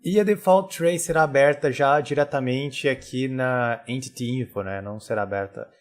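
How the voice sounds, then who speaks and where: A man leads a casual screen-recorded software lesson. His voice sits at an ordinary middle pitch, close on a desktop mic. He keeps it relaxed and chatty, checking in with listeners through frequent tag questions. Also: moderate pace. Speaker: software tutorial instructor.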